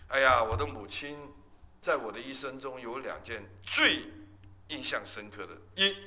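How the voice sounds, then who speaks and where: Emotional male pastor, bright. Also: medium pitch, animated, normal speed. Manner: emotional, emphatic storytelling. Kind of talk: testimony sermon.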